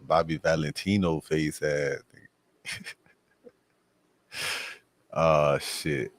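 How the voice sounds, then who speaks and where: A man's voice: very deep voice, fairly even intonation, drawn-out words, no room sound. A man hosting a casual streamed chat, joking in loose, profane banter. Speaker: host.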